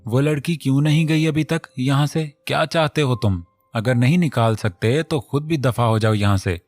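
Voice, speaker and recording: A man's voice: medium pitch, normal speed, darkish tone, no echo, pitched above the performer's own voice, natural voice. A man voicing a stern older father who speaks in a furious, commanding tone.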